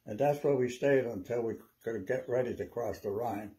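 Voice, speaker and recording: A man in his nineties, an old veteran remembering his war days in a halting, rambling, conversational way with repeated words. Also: medium pitch, dark tone. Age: 90s. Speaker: WWII veteran interviewee. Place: small living room at home, seated.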